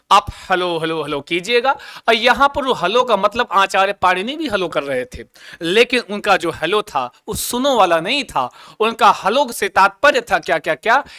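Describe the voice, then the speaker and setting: A high, bright male voice leads an exam coaching class in a playful, teasing way. He keeps asking his students questions and answers them himself. His tone is smooth and clear. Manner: chants an opening prayer slowly. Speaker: Sanskrit teacher. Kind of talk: online exam coaching lesson.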